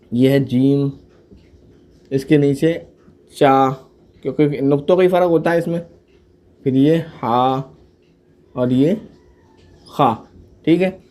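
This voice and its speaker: A man from India teaching a step-by-step Urdu writing lesson. His voice sits a little high, and he spells each letter and sound out slowly and patiently. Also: darkish tone.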